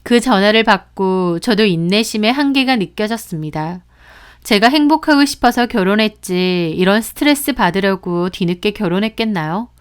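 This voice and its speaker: A woman narrating a scripted first-person story in an even, measured storytelling manner. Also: mid-range voice, clear, resonant tone.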